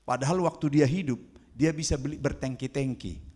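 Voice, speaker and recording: A man's voice: medium pitch, fairly quick, darkish tone, slightly rough. A male pastor preaching a sermon, emphatic, with rising exclamations and rhetorical questions to the congregation.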